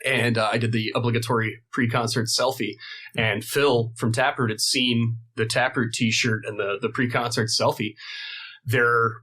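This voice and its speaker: A man in his thirties, a guitar builder, casually telling a story and acting out the people in it with lively voices. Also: mid-range voice, normal speed. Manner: animated storyteller who acts out quoted people. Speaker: guest luthier.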